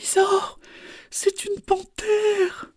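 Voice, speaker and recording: A man voicing a small, chatty female turtle in a storybook, with a squeaky, breathy voice that often drops to a whisper. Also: normal speed, mellow. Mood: alarmed.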